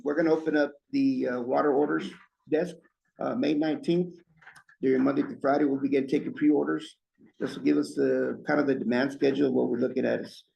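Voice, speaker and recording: A man's voice: mid-range voice, creaky, warm tone, poor audio. A man with slightly impeded speech from a swollen lip gives an informal, folksy update at a meeting as a staff presenter. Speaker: irrigation district staff presenter.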